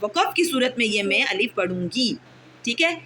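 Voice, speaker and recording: A woman teaching a tajweed lesson, patient, often checking that students understand, and slowly drawing out recited words. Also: a little high, animated, pushed and bright, a little hiss or hum.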